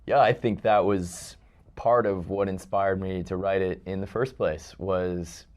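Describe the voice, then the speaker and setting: A man's voice: deep voice, steady tone, unhurried, darkish tone. A man who wrote and directed a film, speaking earnestly and reflectively in an interview. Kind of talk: casual interview chat.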